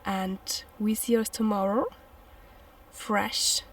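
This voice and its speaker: A woman's voice: mid-range voice, little pitch movement, slow pace, far from the mic. A woman who is a non-native English speaker, talking casually and hesitantly to camera as a solo camper out in a forest storm at night. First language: not English. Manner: hesitant, simply worded explaining. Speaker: solo camping vlogger.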